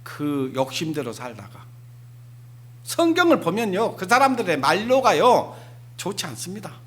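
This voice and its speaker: High, bright-voiced preacher man. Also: sing-song, normal speed. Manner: emphatic, peppers talk with rhetorical questions to the congregation. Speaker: pastor. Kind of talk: Sunday sermon.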